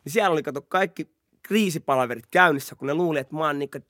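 Telling a story on his podcast, a young adult male host is animated, laughing and acting out what people said in a casual chat. His voice is on the high side, and the studio-quality audio has no room sound.

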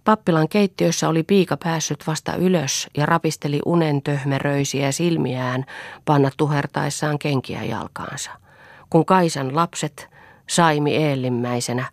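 A woman reading an audiobook as a calm storyteller, in scripted narration. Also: sits low, no echo. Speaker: audiobook reader.

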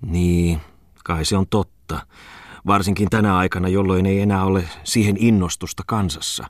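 A man voicing a meek, agreeable bookseller in a hushed, half-whispered tone. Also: sits low, fairly even intonation, no room sound, studio quality, lightly acted. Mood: resigned.

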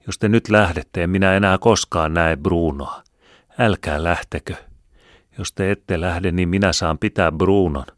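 A man's voice: low-pitched, no echo, studio quality, voice pushed up. A man voicing a grey-haired mother who pleads urgently and tearfully with a young man not to go to war. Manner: urgent, imploring.

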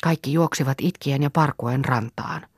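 A woman reading an audiobook in a calm, even storytelling manner. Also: very deep voice, slightly rough, no room sound, studio quality. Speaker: audiobook reader. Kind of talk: scripted narration.

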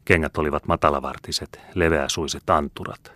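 A man reading a novel aloud as an audiobook narrator, in measured scripted narration. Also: rumbling low, steady tone, a bit bright, dry recording. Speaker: audiobook reader.

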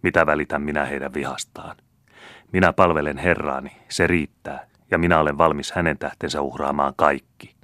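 A man's voice: extremely low pitch, steady tone, fairly bright tone, dry recording, clean studio sound. Man voicing a grim, secretive estate steward.

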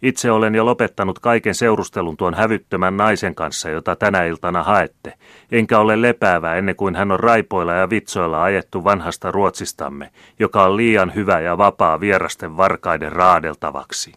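A man reading the part of a cunning, fearless count who loudly rouses an angry crowd. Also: deep voice, dry recording, studio quality, pitched above the performer's own voice. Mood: rousing. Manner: loud, rousing oratory. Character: cunning, fearless male count rousing a mob.

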